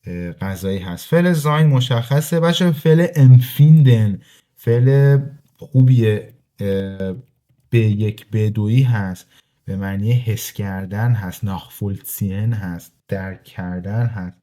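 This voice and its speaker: A man teaching a language grammar lesson, reading example sentences slowly and then explaining them quickly to his students in a casual way. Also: on the low side, mellow. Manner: addresses listeners informally as "kids". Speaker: German teacher.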